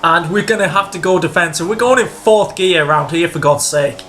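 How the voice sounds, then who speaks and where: A man commentating on his own racing game playthrough, excitable and jumping up in pitch when the action gets tense. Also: brisk, a little hiss or hum. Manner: excitable, rises sharply in pitch during tense moments. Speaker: gaming video creator. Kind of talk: let's-play racing commentary.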